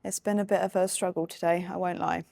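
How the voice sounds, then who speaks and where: A woman's voice: lowish voice, level tone, fast, creaky. Tired woman chatting to her camera, rambly, lots of ums and little laughs. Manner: rambling, self-reassuring, lots of fillers and soft laughs. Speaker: vlogger and fitness competitor in contest prep. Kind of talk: casual vlog talk to camera.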